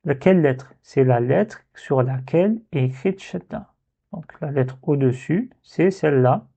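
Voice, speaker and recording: A man teaches Arabic letter reading step by step, patiently repeating syllables as examples. His voice sits on the high side and is expressive, creaky, mellow and a bit breathy, with a measured pace, and the recording has a thin, phone-like quality.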